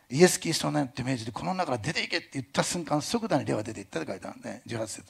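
Man with Kyushu dialect touches, pastor delivering a sermon, fairly high, husky and gravelly. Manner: animated, jokey asides, imitates other pastors.

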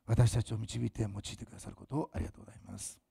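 A male pastor, preaching a fervent sermon that swells loud for emphasis and drops to soft asides for the congregation. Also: lowish voice, fairly even intonation, very fast, vocal fry, breathy edge.

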